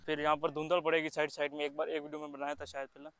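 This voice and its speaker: Young guy w/ rambling about his field, bright voice, handheld mic outdoors. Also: on the high side, monotone, racing. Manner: chatty, rambling, with restarts and fillers. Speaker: farming vlogger. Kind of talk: casual outdoor vlog narration. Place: open farm field outdoors.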